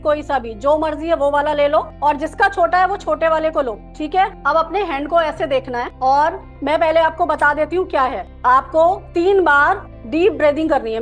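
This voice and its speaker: High-voiced woman coaching a workshop. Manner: coaxing and instructive, mixing English terms into Hindi; guides a slow breathing exercise. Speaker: NLP coach leading a workshop. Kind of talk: live online workshop teaching.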